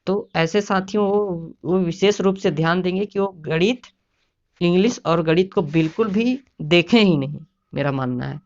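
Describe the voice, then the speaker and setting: A male exam prep teacher explains exam preparation in a casual lecture, repeatedly slipping in "है ना" and "साथियों". His voice sits high with a darkish tone at normal speed, and the recording sounds dull and lo-fi.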